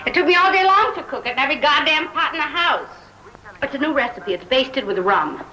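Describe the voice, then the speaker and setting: An actress playing a brash, crude, mocking middle-aged American wife in a 1970s film drama. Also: female voice, sits high, animated, fairly quick, pushed and bright, highs cut off. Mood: bitter. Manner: brash, crude, mocking, swings between teasing and bitter. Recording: film soundtrack with clear background noise.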